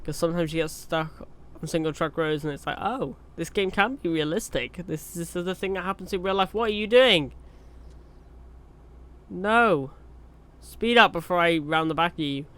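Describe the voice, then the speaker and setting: Rambling over a truck driving game with fillers and restarts, a young YouTuber who has a cold offers easygoing gameplay commentary. He speaks a little high at a moderate pace, in a pushed, bright voice.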